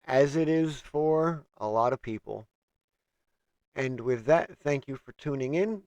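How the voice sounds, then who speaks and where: Guy hosting a wrestling recap, steady list-reading, dry close mic, mid pitch. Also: measured pace, no echo, lo-fi sound. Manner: steady, reads through a list of news. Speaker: host. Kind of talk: casual wrestling news rundown.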